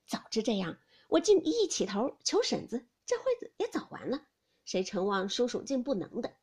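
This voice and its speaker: An eager young man who pleads and flatters his way toward a favor, as a woman reader plays him. The voice is a touch husky, with lively rises and falls. His tone stays deferential and coaxing. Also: a little high, normal speed. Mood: pleading. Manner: ingratiating, pleading.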